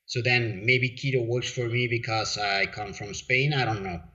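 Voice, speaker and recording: A man's voice: medium pitch, fairly even intonation, normal speed, pushed and bright. A man from Mexico, a guest in a casual interview, rambling with lots of fillers and restarts. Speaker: podcast guest. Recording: dull lo-fi audio.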